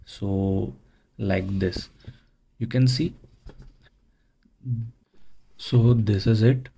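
A man giving a casual, unhurried how-to narration, explaining things plainly step by step. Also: on the low side, steady tone, vocal fry, mellow, slight background noise. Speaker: motovlogger, presenter.

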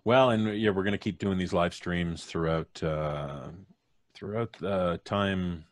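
A middle-aged man hosts a live stream from a home studio, speaking slowly in a low-sitting voice with casual, jokey banter. The recording is dry and close on a boom-arm studio mic, and he wears headphones. His manner is playful throughout.

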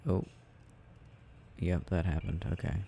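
A man voices a sleepy, tender, sensitive boyfriend in a soft, intimate ASMR roleplay, rambling unhurriedly and murmuring hesitantly to himself while gaming, at times slipping into a whisper. His voice is low with vocal fry, little pitch movement and a measured pace, and he sounds absorbed and mildly puzzled. There is slight background noise.

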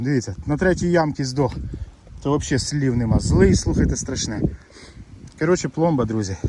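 A man giving excited, chatty commentary outdoors while digging, talking straight to his viewers. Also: fairly high pitch, slight background noise. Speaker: metal detecting vlogger. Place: outdoors in the Carpathian countryside.

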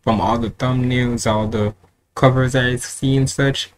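Recorded at home with noticeable background noise, in a curtained indoor room, a man in his twenties hosts a reaction video. He speaks at a measured pace in a steady, medium-pitched voice, rambling in a colloquial way and repeating himself often.

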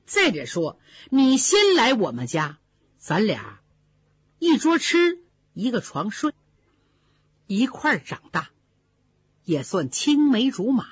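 A woman's voice: on the high side, huge pitch swings, slow, long pauses, slightly rough, dry recording, full character voice. A woman voicing an earnest, devoted young nobleman who coaxes and soothes, in a dull, dry recording. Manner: coaxing, soothing.

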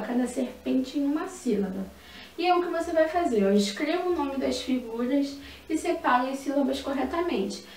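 A woman's voice: sits high, darkish tone. A woman teaching an online lesson to young children in a sing-song, emphatic way. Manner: sing-song, slow and emphatic on key words, with diminutives. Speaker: primary school teacher. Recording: echoey room, mic at a distance, faint ambient noise.

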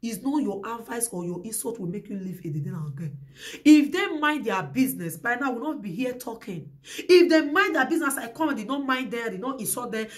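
A woman speaking Nigerian Pidgin English, ranting at her followers with a confrontational, threatening delivery and loud bursts. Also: fairly high pitch. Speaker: social media vlogger. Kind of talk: heated rant to followers.

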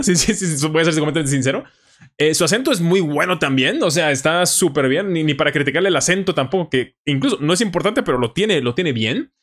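A man with a Mexican Spanish accent giving casual, animated reaction commentary on someone's English. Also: on the high side. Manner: animated, enthusiastic, frequent fillers. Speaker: YouTuber analyzing English.

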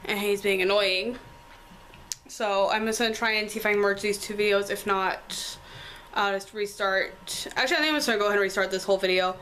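A teenage girl, hoarse from a cold, chatting apologetically with lots of fillers as she films a tour of her bedroom. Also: medium pitch, fairly even intonation, a little fast, fairly bright tone, a little hiss or hum, poor audio. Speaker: vlogger. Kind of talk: casual room tour vlog. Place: bedroom at home.

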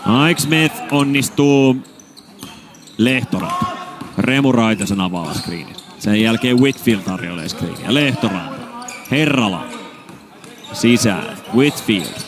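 A man's voice: medium pitch, crowd noise. A man doing live play-by-play basketball commentary, rattling off player names and bursting out on big plays. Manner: rapid name calls, bursts of excitement on baskets.

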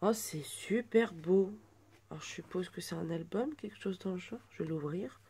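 A woman in her twenties chatting through an unboxing at home, gushing with soft exclamations. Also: on the low side, moderate pace, slight background noise. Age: 20s. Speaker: vlogger unboxing a birthday gift. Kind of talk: casual unboxing chat.

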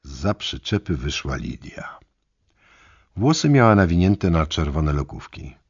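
A man narrating an audiobook in the first person, reading dramatically with big swings in loudness. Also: a bass voice, sing-song, measured pace, creaky, breathy edge. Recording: dull lo-fi audiobook recording.

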